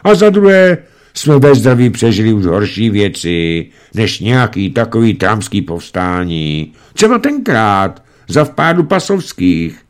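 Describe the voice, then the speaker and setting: A man's voice: fairly low pitch, sing-song. A man voicing a very old, unflappable female servant who talks in a folksy, composed way in a storybook reading. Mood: calm, chatty. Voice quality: folksy colloquial speech, unhurried and composed. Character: ancient calm female servant, centuries old. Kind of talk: audiobook reading.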